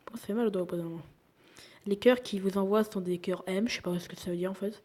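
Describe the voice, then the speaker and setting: A woman's voice: mid-range voice, steady tone, fast, darkish tone. Chatty young woman commenting gameplay. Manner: chatty, drifts into whispering while playing. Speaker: gaming YouTuber.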